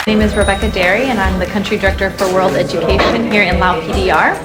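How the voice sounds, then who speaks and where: A woman in her forties, a nonprofit country director, giving reflective and earnest interview answers with frequent pauses. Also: medium pitch, steady tone. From United States. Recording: roomy echo with loud music underneath.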